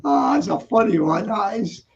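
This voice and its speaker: Man, high voice, casual chat, repetitive agreeable interjections, dull lo-fi audio. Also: expressive, normal speed, gravelly, slight background noise. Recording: dull lo-fi live-stream audio.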